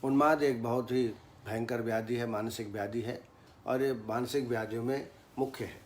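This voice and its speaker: A man teaching Ayurveda in a formal lecture, speaking in a measured tone and reciting Sanskrit verses. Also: mid-range voice, fairly even intonation, a little hiss or hum.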